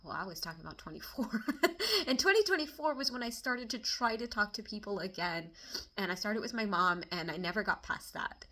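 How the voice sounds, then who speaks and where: A woman's voice: mid-range voice, animated, sharp tone. A woman talking candidly to her camera about friendship, emotional and frank, swinging between laughter and near tears and swearing casually. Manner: swears casually, quick bursts of exasperation. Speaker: vlogger. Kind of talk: personal confessional talk to camera.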